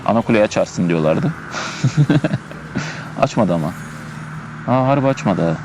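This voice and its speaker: A man's voice: on the low side, lively intonation, unhurried, background noise. A man giving casual gameplay commentary, chatting and thinking aloud as he plays, often repeating himself, recorded outdoors in a park.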